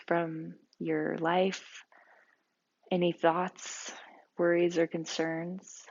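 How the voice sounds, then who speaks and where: A woman leading a guided yoga and breathing class, speaking calmly and slowly with soft-spoken guidance. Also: lowish voice, muffled recording. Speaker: yoga instructor.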